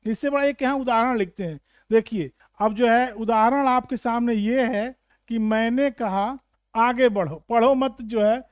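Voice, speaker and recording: A man teaching Hindi literature for exam prep, explaining slowly and repeating points with questions to students. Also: extremely high pitch, smooth, dry recording, studio quality.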